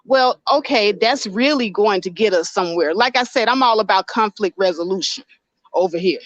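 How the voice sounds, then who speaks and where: Her medium-pitched voice is animated and moderately paced as this livestream host makes her case bluntly and argumentatively, reading chat messages aloud and replying. She has a powerful voice, and the casual commentary is recorded muffled with no room sound.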